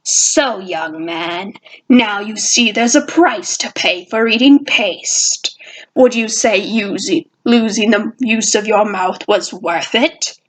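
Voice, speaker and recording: A woman voicing a stern older female schoolteacher who speaks low, cold and threatening, in a fan fiction audio reading. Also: slow pace, poor audio. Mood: menacing.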